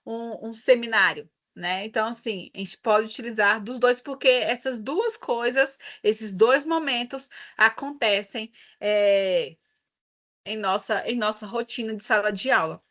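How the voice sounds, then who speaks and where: Bright, expressive Brazilian woman trainer. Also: a little high. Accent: Brazilian Portuguese. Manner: lively, expressive, drawn-out emphasis. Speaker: teacher trainer leading a workshop. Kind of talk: online training session.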